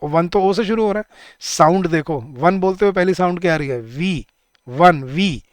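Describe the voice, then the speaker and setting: A man's voice: sits high, brisk, no room sound. A man teaching an online exam-prep English lesson, talking to the class in a chatty way and answering his own questions.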